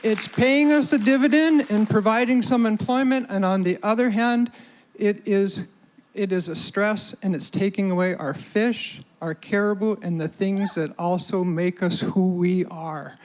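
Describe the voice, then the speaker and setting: A man's voice: high voice, a little slow. A man making a public comment at a shareholder meeting, urging and challenging the audience. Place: hotel meeting hall.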